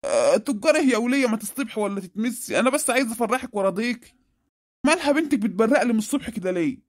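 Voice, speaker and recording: A man's voice: very high voice, very animated, racing, no echo, clean studio sound. A man voicing a greedy, scheming husband with an Egyptian accent in a comic cartoon, blustering and boastful. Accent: Egyptian Arabic.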